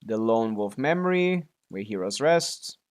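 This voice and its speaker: Animated yet slightly slow, a male live streamer narrates his gameplay casually in an ordinary mid-range voice. He murmurs partly to himself and partly to viewers, swearing loosely and offhandedly.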